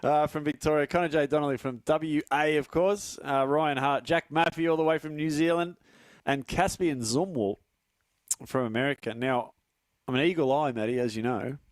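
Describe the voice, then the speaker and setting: Doing laid-back studio commentary for a live stream, this Australian man has a fairly high voice, recorded dry. He chats freely, is quick to laugh and frequently trips over his words.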